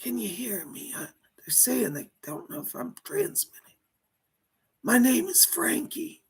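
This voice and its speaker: Lady seance medium doing a dead mob guy spirit, super creaky and breathy, anguished and halting, full of regret. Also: on the high side, very animated, heavily acted. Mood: halting, rueful. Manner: halting, anguished, breaking into whispers and cries. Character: remorseful, frightened dead male mobster spirit from the seventies. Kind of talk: seance medium trance channeling, dramatic first-person confession.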